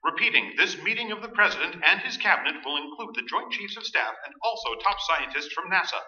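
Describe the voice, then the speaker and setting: The speaker is an actor using a full character voice for a grave, urgent male radio newsreader reading formal, emphatic bulletins in a staged radio play. His voice sits high with lively intonation, a sharp tone, and a slightly fast pace, recorded dull and echoey live in a reverberant room.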